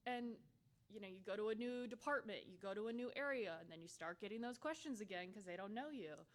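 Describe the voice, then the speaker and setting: A woman's voice: mid-range voice, expressive, fairly quick. A woman giving a conference workshop talk, candid and humorous with playful asides. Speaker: workshop presenter.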